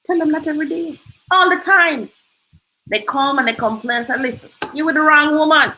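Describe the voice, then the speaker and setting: A woman's voice: high voice, normal speed, pushed and bright, rough recording. A Jamaican woman hosting a livestream, giving emphatic motivational advice and slipping into patois. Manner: emphatic, preachy, switches into patois. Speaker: host.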